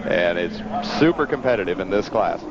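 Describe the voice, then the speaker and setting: A man's voice: low voice, lively intonation, normal speed. A man giving analysis as a color commentator at an outdoor motorsport track. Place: outdoor track broadcast stand. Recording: dull broadcast audio, loud engine noise.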